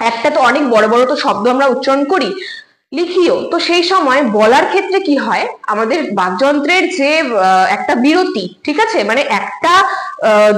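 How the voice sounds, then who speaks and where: Explaining terms one step at a time, this woman teaching Bengali literature online keeps repeating key words and asking whether students follow. Her voice is high-pitched and a bit bright, and the recording is rough and roomy.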